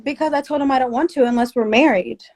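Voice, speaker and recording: A woman's voice: high-pitched, quick pace, a little mellow. A woman in her twenties talking casually as a caller on an advice show. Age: 20s. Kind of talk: casual conversation. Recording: roomy, echoing sound.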